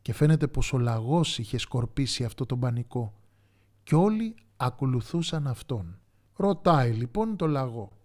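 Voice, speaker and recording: Expressive male storyteller. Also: medium pitch. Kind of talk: children's story narration.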